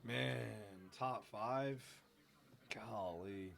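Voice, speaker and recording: A man hosting a live watch-along podcast, giving chatty, excited commentary and talking to his listeners. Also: medium pitch, drawn-out words, vocal fry. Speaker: podcast host.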